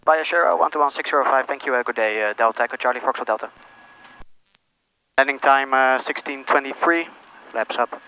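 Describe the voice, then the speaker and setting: Man calmly narrating from a bright-sounding cockpit headset. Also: medium pitch, fairly quick, poor audio. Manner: calm, procedural. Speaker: pilot narrating a flight. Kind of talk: casual cockpit commentary with radio readbacks. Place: small aircraft cockpit in flight. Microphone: aviation headset. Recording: cockpit headset audio with engine noise.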